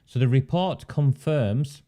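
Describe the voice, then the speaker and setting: In a political commentary monologue, a local campaigner and commentator from Oldham works methodically through his points, repeating them, posing rhetorical questions and slipping in dry, sarcastic asides. His mid-range voice is dark in tone, and he takes his time.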